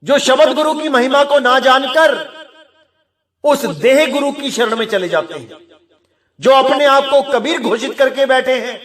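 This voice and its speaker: A man's voice: extremely high pitch, a little slow, a bit bright. A man giving an earnest devotional sermon, urging his listeners and calling them brothers. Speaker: preacher.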